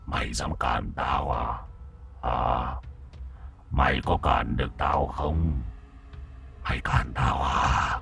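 A man voicing a cruel demon that has possessed a girl, taunting with a gravelly growl. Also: rumbling low, fairly even intonation, a bit bright, soft background music, pitched below the performer's own voice, full character voice. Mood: menacing taunt. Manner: taunting, drawn-out sneering.

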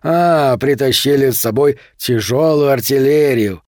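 A man reading an audiobook, voicing a brutal male vampire thug with slow, loud, jeering threats. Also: mid-range voice, dry recording, clean studio sound, close to an everyday voice. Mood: menacing.

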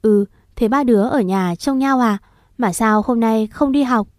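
A woman's voice: fairly high pitch, unhurried, a little mellow, no echo, lightly acted. Woman playing a stern caring aunt, firm questioning tone, dry sound. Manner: scolding, questioning.

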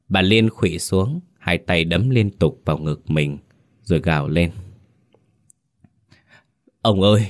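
Deep-voiced man narrating a ghost story. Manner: grave, dramatic storytelling.

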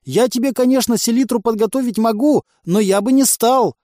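A jittery, cowardly stoner moonshiner who whines and squeals his excuses, as a male audiobook reader puts him on. The voice sits much higher than the reader's own and comes out loud and pushy. It is a dry, close recording. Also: moderate pace, no room sound. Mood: pleading. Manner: whiny, pleading, squeals. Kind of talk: audiobook character voice.

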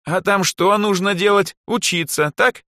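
A man voicing a cheerful, pushy teenage drow girl for a storybook reading, in a bright, bouncy and teasing voice. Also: fairly high pitch, sing-song, normal speed, no room sound, studio quality, voice pushed up.

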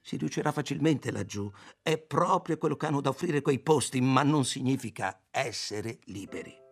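A man's voice: mid-range voice, animated, normal speed, husky. A male reader voicing a bitter, sick old grandmother who speaks with scorn. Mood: scornful. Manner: scornful, harsh.

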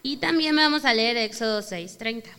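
A Mexican woman delivers a sermon in a high, bright voice. She is animated and lifts her tone to act out prayers and questions. Her voice trails off into a long reverb from the church hall. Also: normal speed, a little hiss or hum. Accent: Mexican Spanish. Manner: animated, acts out prayers in a raised voice. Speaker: preacher.

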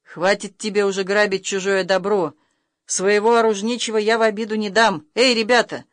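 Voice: medium pitch, level tone, moderate pace, fairly bright tone, dry recording, natural voice. A reader voicing a proud, defiant young nobleman in an audiobook, speaking firmly with a raised voice. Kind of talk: audiobook reading of character lines.

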